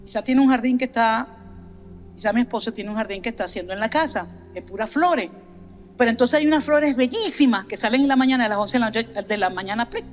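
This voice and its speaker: High-voiced woman pastor preaching. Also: fast talker, in a large hall, soft background music. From Venezuela. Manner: preaching with rising emphatic declarations, then dropping to quiet asides. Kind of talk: sermon. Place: church sanctuary.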